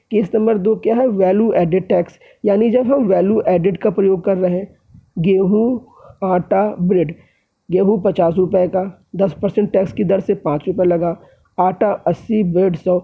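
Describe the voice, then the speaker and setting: A man's voice: high-pitched, fairly even intonation, normal speed, creaky, breathy edge. A man giving an economics lesson, explaining step by step and often addressing his viewers as friends. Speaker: economics teacher. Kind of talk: classroom lecture. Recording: tinny phone-like audio.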